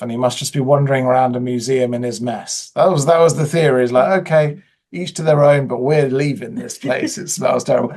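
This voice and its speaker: A man's voice: fairly high pitch, a little mellow. A man from southern England telling anecdotes in casual chat as a podcast guest.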